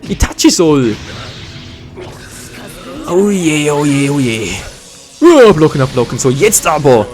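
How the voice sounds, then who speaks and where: A man with a German accent giving excited live commentary over a fighting game, groaning and swearing at his misses. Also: a little high, a little slow. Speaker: gaming commentator. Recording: game music behind. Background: faint game music.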